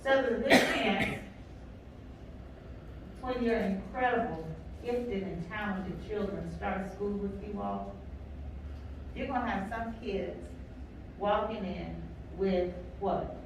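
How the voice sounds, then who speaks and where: A woman's voice: mid-range voice, takes it slowly, long pauses, noisy background. A woman counselor gives an emphatic workshop talk to an audience, asking the room questions and repeating key words. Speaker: counselor leading a teacher training. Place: large echoey room with an audience. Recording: echoey hall from far off.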